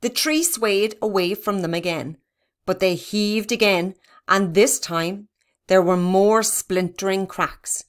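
A woman narrating a children's storybook in a steady, even reading. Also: mid-range voice, slow. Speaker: reader.

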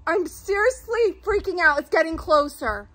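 A woman's voice: extremely high pitch, lively intonation, moderate pace, a bit bright. A woman vlogging at home in a frightened, panicky way, repeating herself, gasping and laughing nervously. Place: house interior.

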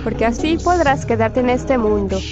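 A woman acts out a sweet false mother luring a child in a horror story. Her voice is fairly high and coaxing, recorded dully under loud music. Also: lively intonation, normal speed, close to an everyday voice. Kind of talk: amateur horror fan story acting. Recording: muffled, narrow sound under loud music.

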